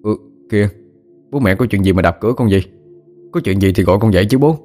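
A man's voice: fairly low pitch, quick pace, darkish tone, faint music behind, close to an everyday voice. A man voicing a young man in his twenties who pleads and defends himself to his parents. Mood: confused.

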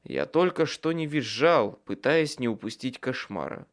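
Brief: male audiobook narrator, mid-pitched voice, tense and dramatic first-person read. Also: expressive, a little slow.

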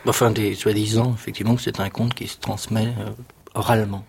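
A man, an actor, answering an interview in a hesitant, halting way, searching for words. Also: fairly low pitch, little pitch movement, vocal fry, a little hiss or hum. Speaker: actor interviewed about childhood reading.

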